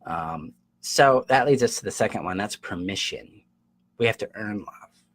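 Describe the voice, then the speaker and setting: Speaking at a moderate pace, this man has a fairly low, expressive, somewhat bright voice. Addressing viewers directly in a self-help coaching talk, he explains things emphatically, hits key words hard, voices imagined quotes, and checks in with the audience.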